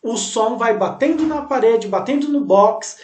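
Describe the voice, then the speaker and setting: A man's voice: very high-pitched, animated, unhurried, a little mellow. Brazilian male teacher, recorded lesson, roomy echo, distant mic, rambling with many fillers. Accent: Brazilian Portuguese. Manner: rambling, lots of fillers and rhetorical tag questions. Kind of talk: recorded video lecture.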